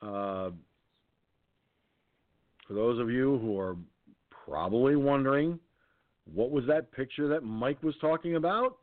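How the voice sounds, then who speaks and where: A man's voice: mid-range voice, a little slow, long pauses, no room sound. A man hosting an online radio talk show, blunt, indignant and swearing as he reads the news. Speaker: host. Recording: dry, phone-like sound.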